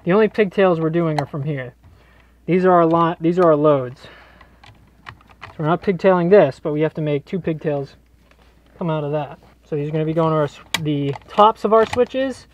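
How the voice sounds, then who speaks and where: A man with a slightly high voice talks at normal speed, the audio dull with a little hiss or hum. He's an electrician host casually joking while explaining on-the-job wiring to camera in a tight basement crawl space.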